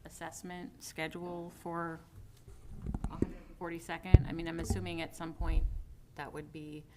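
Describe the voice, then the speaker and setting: A council member asking questions and making a motion in a halting way, with filler words. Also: male voice, fairly high pitch, flat delivery, very noisy. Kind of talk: council meeting discussion.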